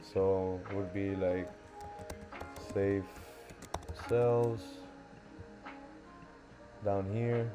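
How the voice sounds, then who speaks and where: This young Miami-based forex trader hosts a live stream in a deep, steady voice, speaking extremely slowly with long pauses. He thinks aloud casually and loosely, using many fillers, with faint lo-fi music in the background.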